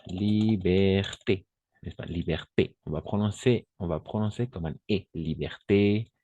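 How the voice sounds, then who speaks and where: A man's voice: on the low side, normal speed, warm tone, lo-fi sound. A man who speaks Spanish natively teaches French pronunciation to Spanish speakers, patiently repeating words and checking in with his students. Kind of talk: online language lesson.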